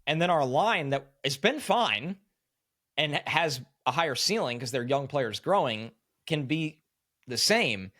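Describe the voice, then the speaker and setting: A man's voice: a little high, lively intonation, unhurried, a bit bright, no echo. Analytical man, dry close sound. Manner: analytical, talks in long run-on explanations. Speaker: podcast co-host. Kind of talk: casual sports analysis chat.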